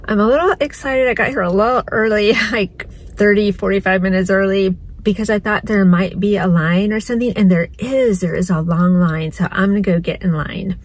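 Parked in her car, a middle-aged woman chats eagerly to her phone held at arm's length for a casual travel vlog. She speaks fairly quickly with few pauses in a medium pitch, on a rough recording with a little hiss or hum.

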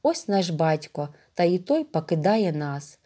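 A woman's voice: on the low side, big pitch swings, unhurried, warm tone. A woman voicing a young male hero, an anguished, loving son who cries out and pleads. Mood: earnest. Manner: emotional, pleading outbursts.

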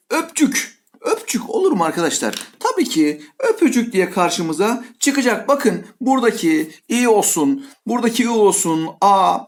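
A male teacher giving a grammar lesson, voicing his students' questions himself and answering them in a playful way. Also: high-pitched.

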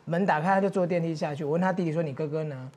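A man with a Taiwanese Mandarin accent, a parent on a talk show telling an animated story and laughing through it. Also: fairly high pitch, rapid-fire, slightly rough. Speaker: guest parent.

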